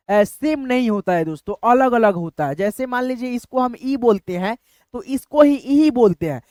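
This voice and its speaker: A man teaches in a relaxed, repetitive way and explains each step slowly. He keeps calling his listeners friends and answers his own questions. The recording is dry and close, with no room echo. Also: very high-pitched. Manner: says "friends" constantly, asks questions and answers them himself. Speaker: online Hindi and English teacher. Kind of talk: casual teaching.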